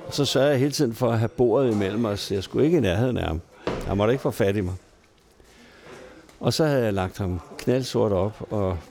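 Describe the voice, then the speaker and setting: A storyteller from Denmark, recorded in his local pub, tells old bar tales in a salty, colloquial manner with the occasional chuckle. He speaks at a medium pitch with a warm tone.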